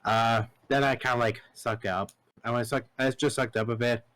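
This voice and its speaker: A man of ordinary pitch hosts a podcast, recounting events in a loose, animated way. He acts out both sides of conversations and swears casually. His voice sounds dry, with no room echo. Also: moderate pace. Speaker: podcast host. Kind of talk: casual storytelling.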